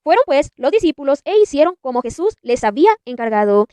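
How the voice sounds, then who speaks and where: A woman reading scripture aloud in a measured, deliberate narration. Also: sits high, big pitch swings, mellow, dry recording. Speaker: Bible narrator.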